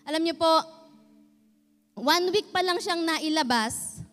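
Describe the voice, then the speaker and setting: A woman giving a nervous, halting, earnest personal testimony at a church service. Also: very high voice, a bit bright. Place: church hall. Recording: reverberant church hall.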